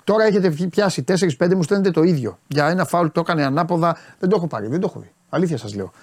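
Male football pundit, emphatic and lively, higher voice, live-stream chat delivery. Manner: animated, emphatic, scolding viewers.

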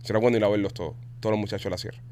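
Fast-talking man hosting a podcast. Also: on the low side, a little hiss or hum. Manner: rapid, animated storytelling with Spanish slang. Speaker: podcast host. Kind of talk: casual podcast chat.

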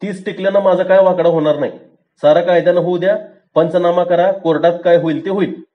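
A man's voice: fairly high pitch, fairly quick, phone-quality sound, voice pushed up, lightly acted. A man voicing a stubborn, self-righteous poor village milkman in a rustic way of talking.

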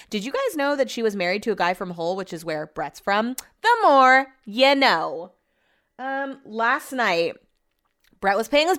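A woman's voice: medium pitch, fairly bright tone, smooth. A woman in her thirties talking casually in a vlog, rambling and chatty, swearing freely. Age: 30s. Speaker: vlogger.

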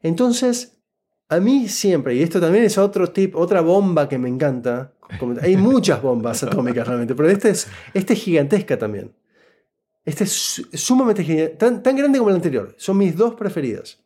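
Offering job-interview advice as a guest, a man from Buenos Aires tells a story in a casual, conversational way, with an Argentine Spanish accent. He is animated and explanatory, keeps checking in with the listener, and speaks at a moderate pace in a fairly high, husky voice.

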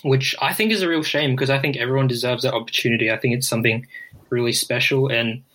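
A man, speaking in a halting, reflective way as a guest in a casual podcast interview. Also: medium pitch, steady tone, sharp tone. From Brisbane, Australia. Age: 20s.

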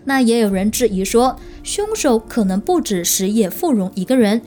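Woman, true crime host, suspenseful storytelling, higher-pitched voice, addresses the listener, music underneath. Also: big pitch swings, moderate pace, dark tone.

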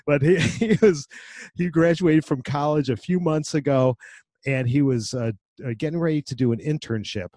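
Lively, slightly high-voiced male host. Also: dry recording, studio quality. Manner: animated, quick asides, lively quoted voices. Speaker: podcast host. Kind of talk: enthusiastic conversational interview.

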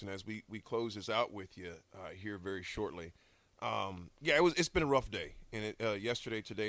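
A man co-hosting a radio show in a casual, halting way, often repeating himself. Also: on the low side, fairly bright tone, no echo. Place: radio studio.

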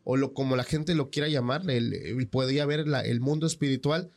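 A man hosting a paranormal podcast, asking curious follow-up questions in relaxed chat. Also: mid-range voice, fairly quick. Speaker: podcast host.

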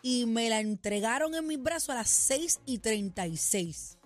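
A woman, in her late thirties or forties, chatting on a radio show in a lively, laughing, dramatic way. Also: a little high, measured pace, soft background music. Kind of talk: casual radio banter.

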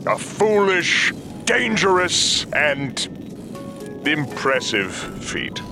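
A man voicing a stern, humorless but loyal warship admiral in an audio drama, speaking in a formal, pompous, deliberate way. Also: on the high side, very animated, music in the background, full character voice. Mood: stern, grudging. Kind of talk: audio fiction drama acting.

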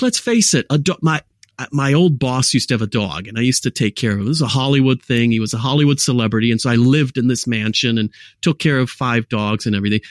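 A man's voice: a little high, no room sound, clean studio sound. A man with a mixed American accent, a guest telling rambling, jokey stories in a casual interview. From United States.

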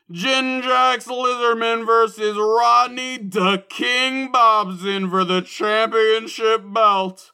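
A brash, shouting fight announcer, put on by a drunk man calls the bout in a high, bright voice. The play-by-play comes fast and loud, with a clear tone. It is an audio fantasy story, not a live broadcast. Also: full character voice. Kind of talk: drunken storybook podcast reading.

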